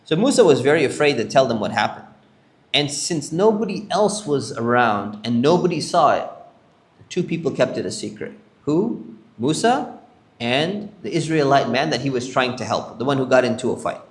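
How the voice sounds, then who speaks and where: Animated man telling a story in a hall. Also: mid-range voice, moderate pace. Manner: animated storyteller acting out characters' lines. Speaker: sheikh telling prophet stories. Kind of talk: storytelling lecture. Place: Islamic center hall.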